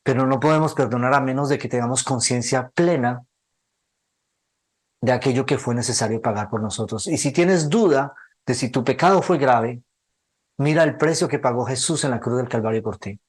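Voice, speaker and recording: A man teaching a theology seminar, telling a story in an earnest, emotional, sermon-like way and slowing down for emphasis. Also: mid-range voice.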